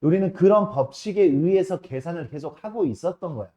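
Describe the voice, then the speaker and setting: A man teaching a math class in a casual lecture style, often checking with his students and slowing down to stress key terms. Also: fairly high pitch, animated, dark tone, muffled recording. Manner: casual, asks students frequent checking questions.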